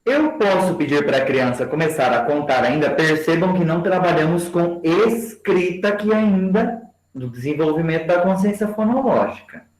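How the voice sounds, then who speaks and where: A man giving a training lecture to teachers and slowly spelling out example words for his class. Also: a little high, lively intonation. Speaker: education lecturer. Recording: roomy echo.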